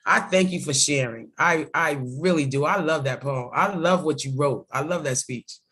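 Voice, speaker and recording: A woman's voice: low-pitched, moderate pace, fairly bright tone, slightly rough. A woman on a video call praising a fellow group member, repeating her words for emphasis.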